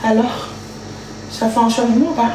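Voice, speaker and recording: A woman with a slightly high, dark-toned voice speaks at a normal pace with fairly even intonation. She's hosting a casual livestream from her home kitchen, playfully singing and chanting to herself while cooking. The echoey room carries some noise.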